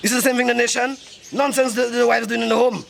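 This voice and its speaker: A man's voice: extremely high pitch, steady tone, fast talker, vocal fry, a crowd in the background, heavily acted. A man playing a cranky, hungry husband with a Saint Lucian accent, nagging insistently and repeating himself in a parody sketch. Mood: suspicious, grumbling. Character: cranky, hungry, demanding husband, loudly indignant.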